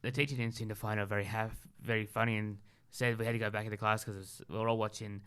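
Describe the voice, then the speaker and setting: Aussie male co-host, low and very clean-toned, straightforward storyteller. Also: little pitch movement, fast, a bit bright, smooth. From Tasmania, Australia. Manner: plain, matter-of-fact, short answers. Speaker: podcast co-host. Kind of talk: casual storytelling chat. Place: public library.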